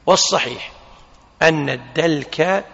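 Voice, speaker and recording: A man with a fairly high, bright and gravelly voice teaches a religious lesson. He explains a text in a measured way and slows down to weigh single words. The sound is muffled and carries a long hall reverb. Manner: measured explanatory delivery, slows to stress word forms. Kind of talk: hadith lesson commentary.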